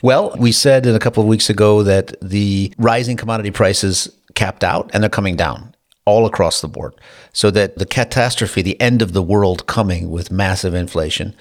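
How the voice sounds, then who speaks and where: At a moderate pace and with a lowish voice, a man discusses economics as a podcast co-host. He brings dry humor to his casual explanation of global trade and food prices.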